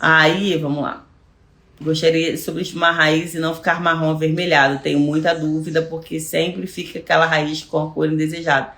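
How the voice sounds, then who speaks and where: A woman's voice: sits low, little pitch movement, normal speed, a bit bright. A woman with a Brazilian Portuguese accent, a hairstylist giving a chatty live online class and answering viewer questions, often repeating words as she searches for them. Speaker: hairstylist teaching hair lightening. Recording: echoey room.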